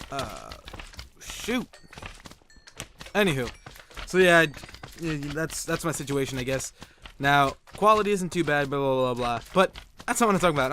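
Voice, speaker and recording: A man's voice: fairly high pitch, fairly bright tone, slight background noise. A man who makes gaming videos, telling a funny childhood story in a casual, rambling way, full of "like" and swearing, and laughing at his own punchlines. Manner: rambling, with lots of "like" and profanity. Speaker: gaming YouTuber.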